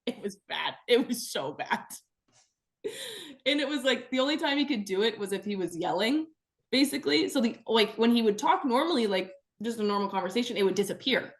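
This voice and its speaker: A young adult woman, a podcast guest, telling stories in casual chat, animated and laughing often as she acts out quotes. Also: fairly high pitch, a little fast.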